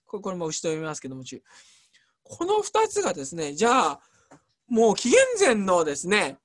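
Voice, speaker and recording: Chatty lecturer with a lively, swooping voice. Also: medium pitch, fairly quick. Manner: chatty, many fillers, rising emphatic asides. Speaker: lecturer on Chinese culture. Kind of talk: relaxed explanatory lecture.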